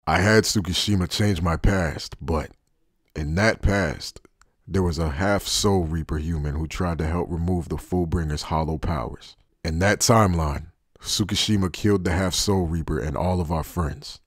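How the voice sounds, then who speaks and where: For an anime fan dub, a man plays a guarded, cynical ex-soldier turned traitor, using a low, husky voice and a wry, deliberate delivery. The mood is grim and matter-of-fact, and the studio-quality recording has no room sound.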